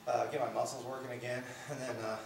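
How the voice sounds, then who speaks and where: A middle-aged man talking casually to camera, relaxed and self-deprecating, a little winded after exercise. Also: mid-range voice, fast talker, vocal fry, a little hiss or hum. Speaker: fitness vlogger. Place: home garage gym. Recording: echoey garage, far from camera.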